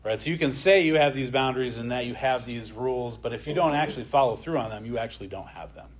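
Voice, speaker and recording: A man's voice: medium pitch, fast talker. A man teaching an adult church class in a plain, conversational way. He often adds a questioning "right?" as he talks.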